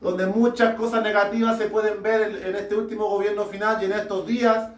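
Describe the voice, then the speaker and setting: A man preaching a sermon to a small congregation, slow and deliberate, putting rhetorical questions to his listeners. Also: sits high, level tone. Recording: echoey room, mic far off.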